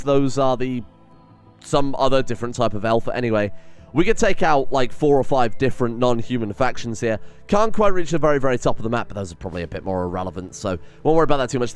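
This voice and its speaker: A man who is a bit under the weather, giving casual, rambling game commentary with dry, joking asides. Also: mid-range voice. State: slightly under the weather, voice not fully woken up. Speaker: gaming video host. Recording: light music behind the voice. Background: music.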